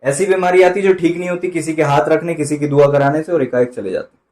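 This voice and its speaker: A man preaching a sermon, switching between loud emphatic bursts and quiet dropped asides, slowing right down for quoted lines. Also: a little high. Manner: mixes in English phrases and slow drawn-out quotes. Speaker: pastor.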